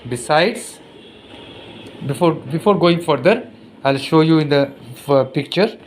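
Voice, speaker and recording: A man with an Indian English accent, a teacher giving a recorded lesson. He reads from the textbook slowly, repeats passages, and stumbles over hard words. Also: on the high side, slight background noise. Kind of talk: recorded classroom lesson, reading a textbook aloud.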